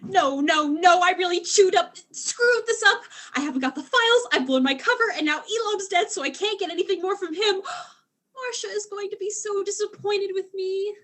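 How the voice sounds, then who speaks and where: A woman's voice: extremely high pitch, expressive, a little fast, few pauses, fairly bright tone. A woman voicing a tipsy, flustered female alien diplomat who is secretly a spy, in a student audio drama, rambling and tripping over her words. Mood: panicky.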